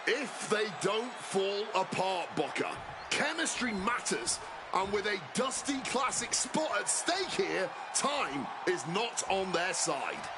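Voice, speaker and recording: An actor playing a skeptical, analytical wrestling commentator in a game. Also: male voice, high-pitched, sing-song, slow, heavy background noise, exaggerated voice. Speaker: color commentator.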